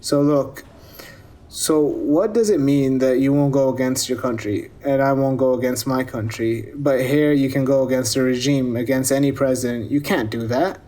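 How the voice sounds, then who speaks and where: A man's voice: medium pitch, moderate pace, warm tone. A man conducting an interview, questioning pointedly with pressing, lecturing and sarcastic remarks.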